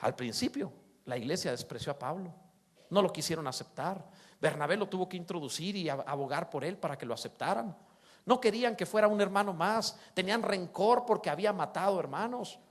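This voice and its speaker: Pastor guy preaching, kinda high voice, acts out all the characters, loud then soft. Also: lively intonation, fairly quick. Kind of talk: sermon.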